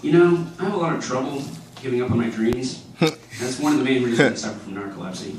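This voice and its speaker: Deadpan stand-up comic man, echoey club. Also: mid-range voice, fast talker, a crowd in the background. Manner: deadpan one-liners with chuckles. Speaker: stand-up comedian. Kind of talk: stand-up comedy set. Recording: echoey club audio from a distance. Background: audience laughter and room noise.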